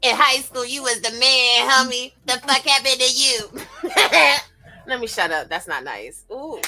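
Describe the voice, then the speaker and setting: A woman's voice: high-pitched, animated, a little slow, bright, forceful tone. A woman on a casual panel chat, teasing and sassy, with faint music behind her. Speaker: panel guest.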